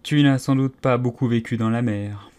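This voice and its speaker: A man's voice: medium pitch, steady tone, moderate pace, a little mellow, clear, resonant tone, lightly acted. Mock Turtle, sorrowful storybook creature voiced by a man. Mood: mournful. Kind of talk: storybook character voice.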